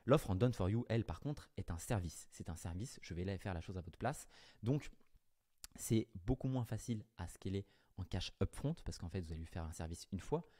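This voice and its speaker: A deep-voiced man with warm tone and lively intonation coaches viewers on business offers straight to camera. His explanation is brisk and direct, with self-corrections throughout.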